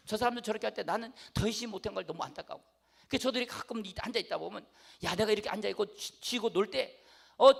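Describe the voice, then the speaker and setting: A man's voice: very high voice, creaky, slightly rough. A middle-aged male pastor preaching a sermon, emphatic and repetitive, often checking that his congregation understands. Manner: emphatic, repeats phrases, asks the congregation "아시겠어요?".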